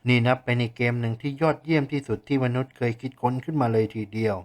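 A male narrator tells the story in the first person with a steady, even read. His voice sits at a middle pitch. The delivery is clear and unhurried, suited to a bedtime audiobook.

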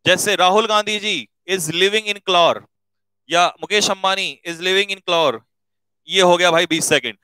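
A man teaching exam vocabulary, brisk and coaxing, repeating words so students can note them down. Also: high voice, sharp tone, smooth, dry recording, low-quality recording. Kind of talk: exam-prep video lesson.

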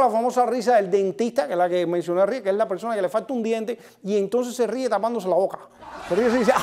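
A man from Cuba performs a stand-up routine with a high, bright voice. He jokes with the audience and acts out silly laughs. A faint hiss of noise sits behind him. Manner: joking, addresses the audience directly. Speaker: comedian host. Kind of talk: stand-up monologue.

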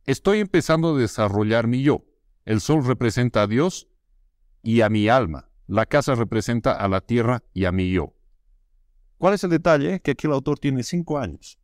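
A man co-hosting a casual chat, reading aloud from a book and talking straight to the viewers in a relaxed, playful way. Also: medium pitch, normal speed, dry recording, clean studio sound. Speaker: co-host.

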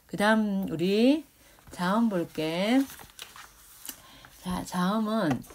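Speaking very slowly in a mid-range voice, a woman gives a phonetics lecture for a Korean grammar class, with slight noise in the background. She walks through speech sounds, voices the consonants herself, and checks on her students.

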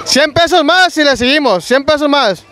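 A man's voice: extremely high pitch, expressive, normal speed, over loud music. A young man with a Mexican Spanish accent hosting a street game at an outdoor market on a handheld mic, teasing the couple and hyping the crowd with slang. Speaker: street prank show host. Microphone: handheld microphone.

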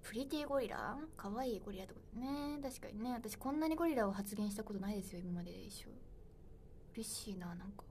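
Hosting her own idol livestream, this twenty-something woman banters playfully and reads out comments from viewers in casual chat. She talks fast and animatedly, with a medium pitch, a darkish tone and a breathy edge.

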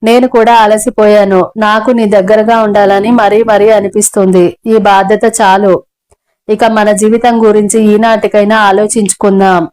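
A woman narrator takes the part of a tired, devoted father in a spoken novel. He speaks softly and tenderly, and she keeps close to her own mid-pitched voice. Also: flat delivery, normal speed, lightly acted. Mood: tender, weary. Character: weary man, a busy devoted father.

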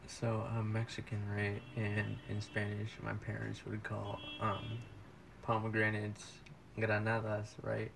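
A man telling a casual story in a laid-back, halting way with many fillers. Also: on the low side, monotone, creaky. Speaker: storyteller in a short clip. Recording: noisy background ambience.

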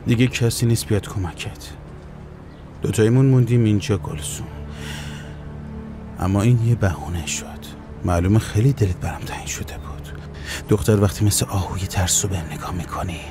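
A man's voice: lowish voice, long pauses, close to an everyday voice. A man playing a wheedling, manipulative ex-lover. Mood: taunting. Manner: coaxing, wheedling, then pleading. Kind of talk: dubbed TV drama. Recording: music playing under the voice.

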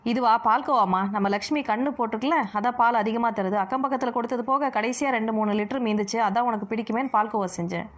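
A woman's voice: fairly high pitch, quick pace, lightly acted. A woman reading an audio novel, voicing a loving old grandmother who grieves over her granddaughter's lot and speaks bitterly of the girl's father. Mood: doting.

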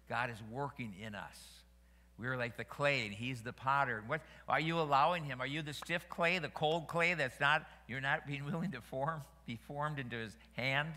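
Male pastor, bright tone, sermon delivery with repetition, church reverb. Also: medium pitch. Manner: preaching with rising emphasis, repeating phrases. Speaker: senior pastor. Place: church sanctuary. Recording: long reverb of a church hall.

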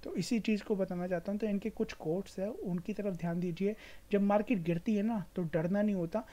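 Hosting an informal screen-share explainer about the stock market, a woman with an Indian accent speaks briskly in a medium-pitched, warm voice, though the audio sounds dull. Her advice is emphatic and repetitive, and she mixes in English words.

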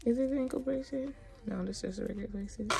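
Cleaning her room on camera, a young adult woman rambles chattily, addressing her viewers directly in casual talk. Her voice sits on the high side with a darkish tone and vocal fry, and she races along.

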